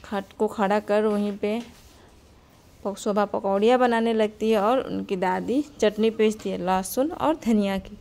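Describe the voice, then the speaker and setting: A woman narrates a simple family cartoon story in a homely storytelling manner. Her voice sits at a middle pitch and stays plain and unforced. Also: steady tone, measured pace, dark tone.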